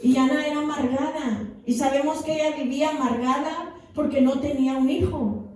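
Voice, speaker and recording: A woman with a high, slightly mellow voice preaches a fervent sermon at normal speed, often adding amens. She is a pastor speaking in a church, and the echoey hall makes her sound far away.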